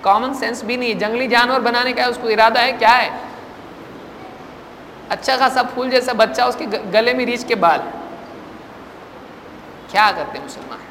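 A man's voice: extremely high pitch, fairly even intonation, fairly bright tone. Man preaching in an echoey hall. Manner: recites Arabic hadith slowly, then explains in conversational speech; rhetorical questions to the audience. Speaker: religious preacher. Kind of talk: Islamic sermon. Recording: echoey hall, faint background noise.

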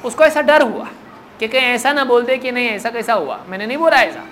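A preacher delivers a hadith lesson at a mid-range pitch. Slow, measured Arabic recitation gives way to lively colloquial explanation, with the story's exchanges acted out. A faint hiss of noise sits under the voice. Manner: acts out the dialogue of the story. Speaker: Islamic preacher.

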